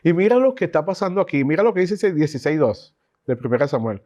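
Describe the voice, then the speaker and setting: Male Bible teacher, chatty and animated, higher voice, muffled lo-fi audio. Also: fast. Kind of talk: Bible class sermon. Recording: dull lo-fi recording.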